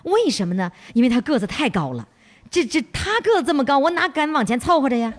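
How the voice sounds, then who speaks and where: A woman's voice: high voice, sing-song, quick pace, slight background noise. A woman with a Northeastern Chinese accent hosting a chatty radio interview, exclaiming, teasing and firing questions. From Northeast China. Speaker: radio programme host. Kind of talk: lively chatty on-location interview.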